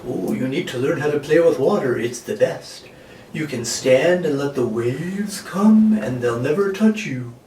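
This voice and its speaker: A man's voice: a little high, animated, measured pace, darkish tone. A man voicing a mischievous know-it-all sock puppet in an amateur comic skit, coaxing and mock-instructive. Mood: teasing. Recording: echoey room, distant mic, faint noise.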